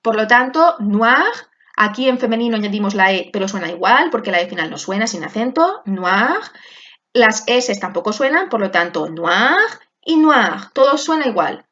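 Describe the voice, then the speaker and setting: A woman teaching a class, explaining pronunciation slowly and repeating each word carefully. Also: mid-range voice, animated, fairly bright tone, lo-fi sound. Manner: slow, deliberate, repeats words for pronunciation. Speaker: French teacher.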